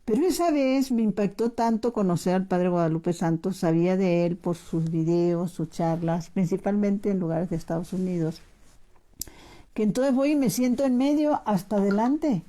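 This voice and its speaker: A middle-aged woman telling a faith testimony to her listeners, addressing them as brothers and shifting between lively rising emphasis and hushed, near-whispered passages. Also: mid-range voice, normal speed. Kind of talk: testimony sermon.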